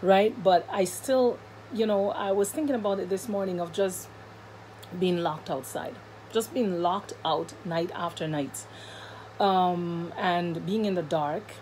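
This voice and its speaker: A woman minister giving a personal testimony, talking in an earnest, halting way with many repeats and fillers. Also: lowish voice, a little mellow, slight background noise, low-quality recording.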